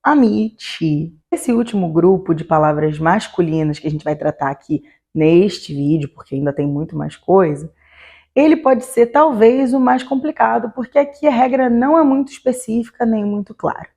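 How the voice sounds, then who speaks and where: A woman teaching an online grammar lesson, slowing down to spell out each example word. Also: medium pitch, expressive, mellow. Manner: explanatory, slows to spell out example words. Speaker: Italian teacher.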